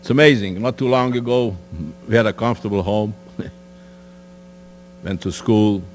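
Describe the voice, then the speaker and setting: A man's voice: fairly low pitch, moderate pace. A man in his eighties giving a plain, direct account to a school audience, with conversational asides. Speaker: Holocaust survivor speaker. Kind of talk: testimony talk to students. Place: school hall. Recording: echoey hall with faint mains hum.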